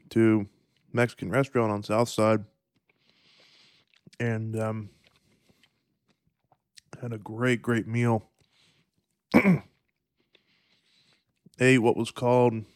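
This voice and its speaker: A man hosting a solo podcast in a relaxed, rambling way, with fillers and throat clearing, eating and sipping coffee at the mic. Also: mid-range voice, no room sound. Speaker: podcast host. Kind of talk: casual solo podcast talk.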